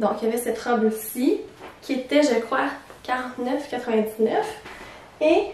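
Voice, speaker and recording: A woman with a Québécois French accent, a teacher chatting casually about clothes she bought, with many fillers. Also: fairly high pitch. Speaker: teacher vlogger. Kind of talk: casual fashion haul chat. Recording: very echoey room, far from the mic.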